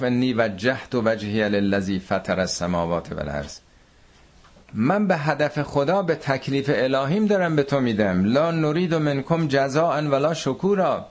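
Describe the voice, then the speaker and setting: A man from Iran teaching a Quran commentary class, reciting Arabic verses slowly and explaining them in everyday speech. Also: medium pitch.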